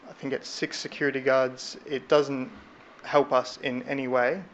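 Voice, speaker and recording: A man asking measured, halting questions at a public meeting. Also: medium pitch, little pitch movement. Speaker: licensed business representative questioning council. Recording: dull, faintly noisy meeting room audio.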